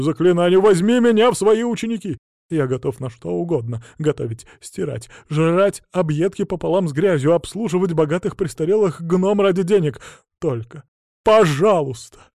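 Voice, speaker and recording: A young bard grovels and gushes with breathless eagerness, as a male narrator puts him on. The voice is raised, high and pushy. It is recorded dry and close, like a storybook reading. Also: very animated, a little fast, creaky, warm tone, no echo. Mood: pleading. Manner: gushing, pleading.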